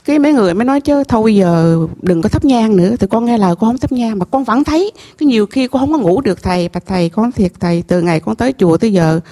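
A middle-aged woman with a Southern Vietnamese accent gives an emotional personal testimony to a temple master. Her voice sits a little high for a woman. She talks in halting, repeated phrases, with an earnest, confiding manner. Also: expressive, mellow. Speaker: temple visitor telling her story.

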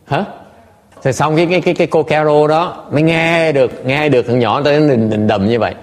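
A man, a Buddhist monk teacher, telling stories to listeners in an animated, laughing way with many stammered repeats. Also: on the high side, a little fast. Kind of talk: storytelling talk to listeners.

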